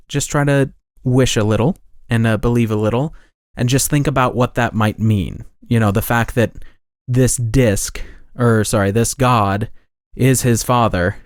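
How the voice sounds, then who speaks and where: A man's voice: mid-range voice, no echo, clean studio sound. A man hosting a podcast, talking casually in a rambling way with many restarts and self-corrections. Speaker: podcast host.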